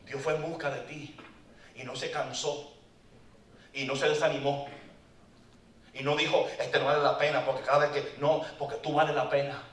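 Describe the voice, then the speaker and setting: A man preaching a lively, joking sermon at a men's conference, often calling out to the audience. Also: on the high side, moderate pace, long pauses, a little hiss or hum. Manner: animated, joking, calls out to the audience. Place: conference hall. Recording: echoey hall, mic far off.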